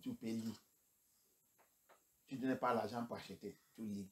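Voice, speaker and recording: A man's voice: lowish voice, fairly even intonation, a little slow. A male pastor preaching, who moves between English and French and fires rhetorical questions at the congregation. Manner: switches between English and French, rising to shouts. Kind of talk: sermon.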